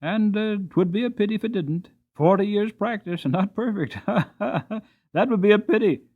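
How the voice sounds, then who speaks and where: An older man's voice, sitting high and pushed up, comes through with phone-quality sound at a normal speed. In a dramatic audiobook character voice, he plays a small, cheerful old hostler and former jockey, proud and talkative, with a folksy, chatty manner that slips in "bless you" and "you see."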